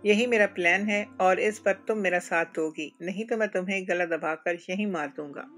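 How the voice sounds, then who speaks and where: A woman's voice: lowish voice, normal speed, a bit bright, faint music behind, lightly acted. A woman voicing a cruel, controlling grown man, the narrator's husband, speaking in a cold threatening tone. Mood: menacing. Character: cruel controlling adult male husband, menacing.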